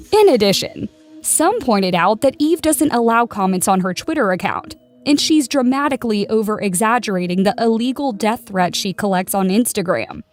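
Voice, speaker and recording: A woman narrating a celebrity news story in a scripted, measured read. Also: a little high, a little mellow. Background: music.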